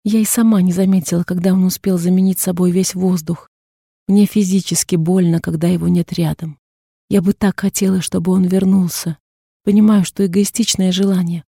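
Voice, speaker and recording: A woman's voice: fairly low pitch, steady tone, normal speed, creaky, mellow, breathy edge, no room sound, clean studio sound. A woman reading a first-person novel aloud as an audiobook narrator, in a subdued, introspective way. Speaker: audiobook reader.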